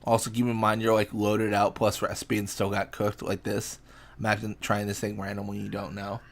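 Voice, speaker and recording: A man's voice: fairly low pitch, completely flat delivery, normal speed, creaky. A young man casually chatting and reacting while streaming a fishing game, laid-back and rambling as he answers chat.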